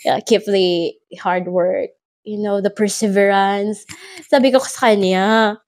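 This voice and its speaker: A young Filipino woman vlogger telling a story in a casual, excited way, giggling often and mixing two languages. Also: mid-range voice, slow. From Philippines. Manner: excited, giggly, mixes Tagalog and English.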